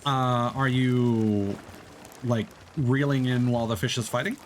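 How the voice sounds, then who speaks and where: Explaining fishing tips during a game stream, this man chats casually but hesitantly, rambling with many fillers and restarts. He speaks unhurriedly in a steady, mid-range voice over faint background noise.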